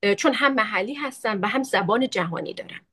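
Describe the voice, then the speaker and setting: A woman speaks on an online panel through a video-call connection. She talks in short, measured segments, pausing after each one so her words can be interpreted. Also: mid-range voice, lively intonation, sharp tone, husky. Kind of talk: webinar talk in short segments.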